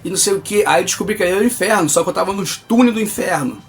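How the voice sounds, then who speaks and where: Brazilian man, religious testimony, emphatic and earnest, slightly high pitch. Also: racing, faint music behind. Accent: Brazilian Portuguese. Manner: earnest and emphatic, addresses listeners as brother.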